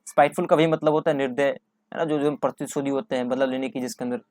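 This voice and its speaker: A man's voice: medium pitch, steady tone, fast, a little mellow, no room sound, studio quality. A male English teacher explains exam vocabulary, asking questions and answering them himself, repeating key words. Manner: repetitive, asks and answers his own questions.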